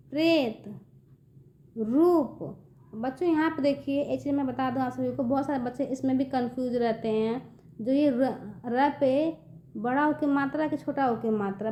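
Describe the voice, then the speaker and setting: A woman's voice: high voice, warm tone, muffled recording, a little hiss or hum. A woman teaching young children a reading lesson, speaking patiently and often checking whether they understand. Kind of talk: children's online Hindi lesson.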